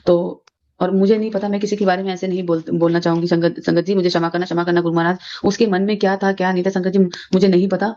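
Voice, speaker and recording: Fast-talking woman telling a devotional story. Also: fairly low pitch, little pitch movement, mellow. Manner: chatty storytelling, addresses listeners as sangat ji, many fillers and restarts. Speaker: devotee sharing a testimony. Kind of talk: casual devotional testimony. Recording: dull lo-fi recording.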